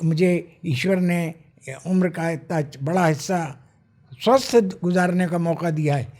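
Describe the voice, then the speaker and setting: A man in his nineties, a retired official and writer, speaks slowly and reflectively in an interview, with Urdu-flavored phrasing. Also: a little high, a little mellow. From India. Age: 90s. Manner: slow, measured speech with Urdu phrasing, recites verse.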